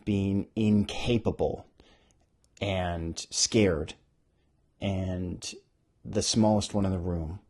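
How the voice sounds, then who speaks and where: A man talking casually as an author hosting a podcast, animated and often interrupting himself as he thinks aloud. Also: low-pitched. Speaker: author hosting a podcast about their own book. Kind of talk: casual rambling talk with bits read aloud.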